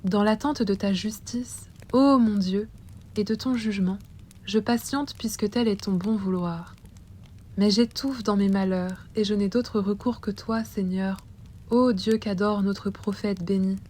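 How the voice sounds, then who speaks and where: A bewitched young prince, voiced by a woman narrator, pours out a mournful lament in a plain mid-range voice. This is a storybook reading with a gently recited delivery. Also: mid-range voice, fairly even intonation, measured pace, natural voice. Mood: sorrowful. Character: bewitched young prince, half stone, grieving.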